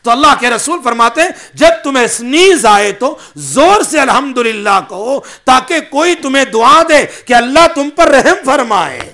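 A man's voice: very high-pitched, bright, forceful tone. A man giving a religious sermon, mixing in English phrases and asking his listeners questions. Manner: asks the audience questions. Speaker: preacher.

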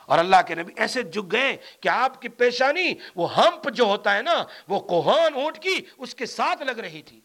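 A man preaching a commentary sermon in a very high, bright voice. His delivery is animated and swings widely in pitch. He often rises to loud, emphatic peaks. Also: hardly any pauses.

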